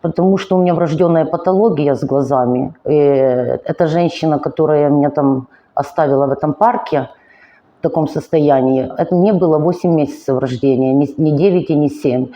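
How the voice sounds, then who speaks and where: The voice sits low with a dark tone on poor audio: a woman from Ukraine in her forties, vlogging a personal confessional monologue about her life. Tired and struggling to get words out, she sounds earnest, emotional, slow and halting.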